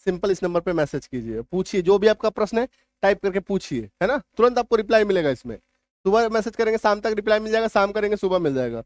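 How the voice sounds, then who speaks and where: In a fast, sing-song, high voice, a male English teacher leads a spelling lesson. He goes over key points again and checks whether each is clear to his students, and the recording is close and dry, with no room sound or echo.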